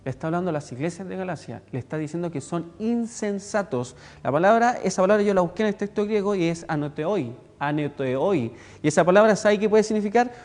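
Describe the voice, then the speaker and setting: Emphatic high-voiced Chilean preacher. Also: male voice, animated, brisk, hardly any pauses, a little mellow, big-room sound. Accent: Chilean Spanish. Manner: emphatic, repeats words for stress. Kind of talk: sermon.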